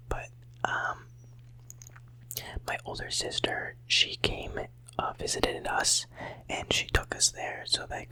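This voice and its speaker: At home, a teenager in their late teens makes an ASMR recording, whispering close to the mic with a hoarse, slightly sick voice while casually rambling and gently repeating words. The audio quality is poor.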